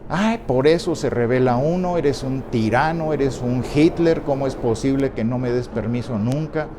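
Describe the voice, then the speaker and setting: A man's voice: medium pitch, moderate pace, noisy background, close to an everyday voice. A man doing a whiny teenage son. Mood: indignant. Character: whiny rebellious teenage boy.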